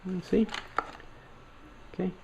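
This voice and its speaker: The recording is muffled with slight background noise as a warm-toned man, nasal from a head cold, hosts a casual unboxing. He stumbles along with fillers and keeps clearing his throat.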